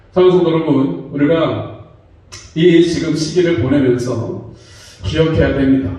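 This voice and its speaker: With a fairly high, warm voice, a pastor delivers a conversational sermon in a church sanctuary, dramatizing quotations by putting on voices. The recording comes from far off in a very echoey church hall.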